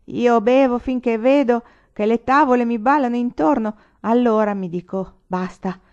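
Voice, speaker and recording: A woman reading aloud voices a drunk young male army lieutenant who talks loudly and boastfully. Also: fairly high pitch, normal speed, pitched above the performer's own voice, natural voice. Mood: drunken, blustering. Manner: loud, boastful, sobbing and angry by turns. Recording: slightly dull, lo-fi recording.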